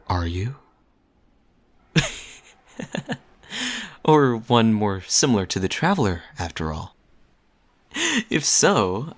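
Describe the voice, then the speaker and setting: Man acting as Kaeya, slow, suave low-voiced flirt. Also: no echo, full character voice. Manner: smooth teasing, chuckling, deliberate phrasing. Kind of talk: intimate audio roleplay acting, addressed to listener.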